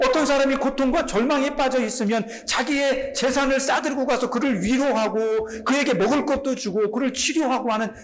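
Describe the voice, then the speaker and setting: A middle-aged male pastor giving a conversational sermon, acting out prayers and quotes with feeling. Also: very high voice.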